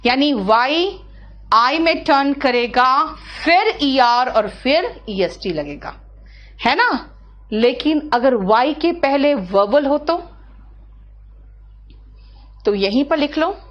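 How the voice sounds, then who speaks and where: A woman's voice: sits high, expressive, dull audio. A woman teacher giving a grammar lesson, spelling out words syllable by syllable and checking that her students follow. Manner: explains slowly, drawing out words syllable by syllable; asks students questions, checks understanding.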